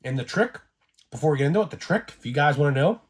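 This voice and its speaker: A man with a cold hosts a laid-back sports card vlog, coughing here and there between his thoughts. His delivery is rambling and excitable, padded with fillers, and his pitch swings widely from high to low. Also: quick pace, slightly rough. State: getting over a cold, coughing. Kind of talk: casual vlog commentary.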